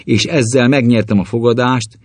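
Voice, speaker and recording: A man's voice: steady tone, a little mellow, no room sound, close to an everyday voice. A man voicing a proud, cold male alchemist in a story reading, with a rapt, incantatory delivery. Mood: cold haughty. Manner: rapt, incantatory, sweeping pitch. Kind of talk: audiobook reading.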